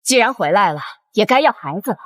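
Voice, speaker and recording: A woman's voice: medium pitch, lively intonation, fast, dry recording, clean studio sound, close to an everyday voice. A woman playing a protective, bossy middle-aged mother-in-law in a drama, scolding sharply. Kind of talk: TV drama acting.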